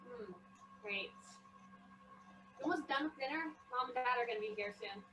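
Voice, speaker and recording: Player voicing a sarcastic sister: high, sing-song and snide, off-mic. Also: very animated, normal speed, pushed and bright, far from the mic, slight background noise, heavily acted, rough recording. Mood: snippy. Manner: snide, offhand. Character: snippy teenage sister, cold and sarcastic.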